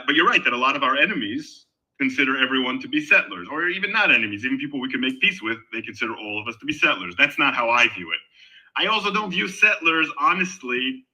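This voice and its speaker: Middle-aged man from Israel for a voice-chat debate, lively pitch, emphatic with restarts. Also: poor audio. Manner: animated, emphatic, with frequent restarts. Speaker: guest in an online discussion. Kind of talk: casual debate talk. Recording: voice call on a discussion server.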